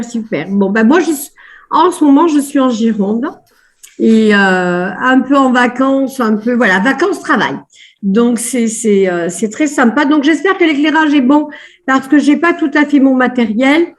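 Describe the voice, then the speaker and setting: A woman life coach leading a live online coaching webinar over a video call, upbeat and chatty, often repeating words of praise between fillers. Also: fairly high pitch.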